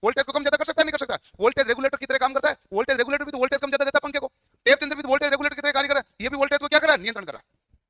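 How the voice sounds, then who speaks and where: A man's voice: extremely high pitch, rapid-fire, bright, forceful tone, no room sound, studio quality. A man teaching a class, firing questions at his students and answering them himself. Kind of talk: classroom lecture.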